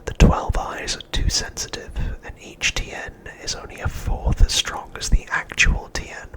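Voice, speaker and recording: A male ASMR host walks through an episode recap. His narration is a breathy, hushed whisper without voicing, delivered with care and deliberation.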